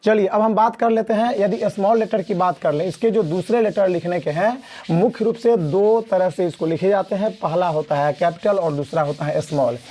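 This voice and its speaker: A male teacher from Mithila gives a beginners' lesson at a board. His voice is mellow and dark, and he speaks slowly and deliberately, drawing out each letter and repeating key points. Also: high voice. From Mithila region of India. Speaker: English teacher.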